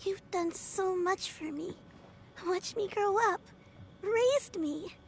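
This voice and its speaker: A woman's voice: very high-pitched, takes it slowly, vocal fry, a little hiss or hum, heavily acted. A woman voicing a young girl who consoles her grandmother, reading game dialogue earnestly. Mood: consoling.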